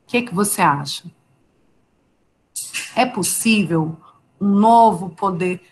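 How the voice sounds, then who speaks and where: A woman's voice: medium pitch, takes it slowly. A Brazilian woman teaching a live online law class, talking conversationally, asking students questions and answering them by name. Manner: conversational, asks students questions and reads their names from chat.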